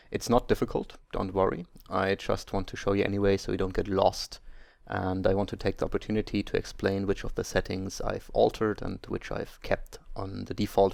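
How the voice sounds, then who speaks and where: Explaining a game's settings carefully and one step at a time, a German man hosts a let's play in English, his second language, pausing with small hesitations as he gives tutorial commentary. His voice sits on the low side with vocal fry, and there is no room sound.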